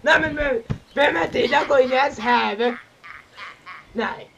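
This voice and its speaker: A woman giving live reaction commentary while watching a film, narrating what happens with excited gasps and exclamations. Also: sits high, gravelly, dull audio. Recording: noisy home recording.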